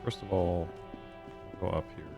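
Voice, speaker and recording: A man's voice: sits low, fairly even intonation, measured pace, music in the background. A man commentating a let's play stream, reading dialogue choices aloud and laughing often. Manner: giggly, reads choices aloud.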